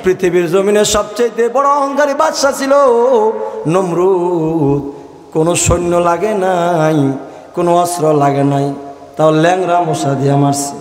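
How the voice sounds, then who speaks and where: Chanting, shouting man preacher over echoing loudspeakers. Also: high voice, fairly even intonation, a little slow, faint music behind. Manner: chanting, shouting refrains, calls crowd to respond. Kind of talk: Bengali waz sermon. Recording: echoey outdoor PA with long reverb.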